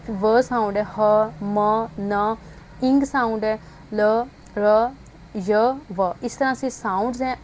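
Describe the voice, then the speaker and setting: A woman teacher walking students through an English textbook exercise, mixing English terms into her speech and sounding out words slowly. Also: mid-range voice, darkish tone, a little hiss or hum. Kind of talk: explaining a textbook exercise in an online lesson.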